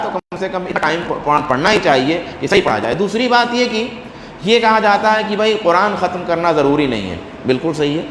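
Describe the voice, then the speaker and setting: A man's voice: fairly high pitch, fairly bright tone. A man giving an after-prayer lesson in a mosque, reciting Arabic passages and translating them as he explains. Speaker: mosque preacher. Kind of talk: sermon. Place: mosque hall. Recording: echoey mosque hall, faint background hum.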